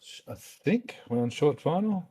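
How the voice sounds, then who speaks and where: Sleepy guy narrating a live flight stream, tripping on words, mellow kinda dark voice. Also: on the high side, expressive, unhurried, husky. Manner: loose, stumbling over words, apologetic. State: tired late at night. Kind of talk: casual live-stream chat.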